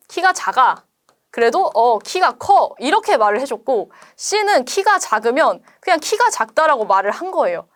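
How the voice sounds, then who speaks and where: A woman's voice: a little high, fairly bright tone. A young woman teaching a Korean literature exam explanation, asking rhetorical questions and paraphrasing quoted lines in casual speech. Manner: asks students rhetorical questions.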